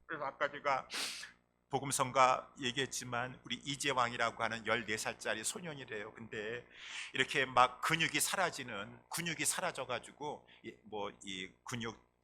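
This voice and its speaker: A male pastor giving an impassioned sermon, swinging between loud cries and soft whispers and acting out quoted voices. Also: medium pitch, moderate pace, a little hiss or hum. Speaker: senior pastor.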